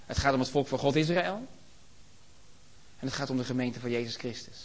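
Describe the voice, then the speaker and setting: A man preaching a sermon in a church, impassioned, building to shouts and rhetorical questions. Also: medium pitch, a little fast.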